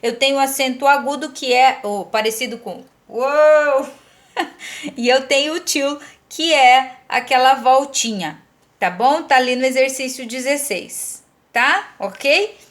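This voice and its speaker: Woman, Brazilian Portuguese accent, high voice, patient teacher, checks understanding often. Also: a little slow, fairly bright tone. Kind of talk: recorded classroom lesson.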